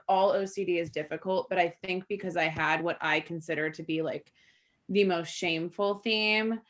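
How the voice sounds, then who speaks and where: A woman therapist speaks as a guest on a podcast. She talks casually and chattily, scattering "like" through her sentences. Her voice sits somewhat low. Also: fairly bright tone. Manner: chatty, fills speech with "like".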